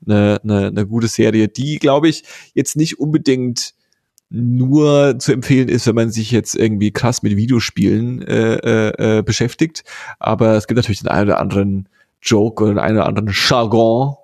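In clean, echo-free studio audio, a male podcast co-host rambles casually with many fillers and restarts. His lowish, darkish voice has vocal fry, holding a steady tone at normal speed.

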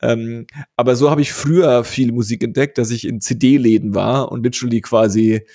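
A man's voice: mid-range voice, fairly even intonation, moderate pace, warm tone, dry recording, clean studio sound. A man co-hosting a podcast, chatting casually and rambling with many fillers and restarts. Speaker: podcast co-host.

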